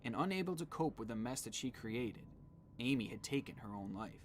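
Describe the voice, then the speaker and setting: A man's voice: mid-range voice, lively intonation, brisk, slight background noise. A man giving scripted narration in the style of a true-crime video.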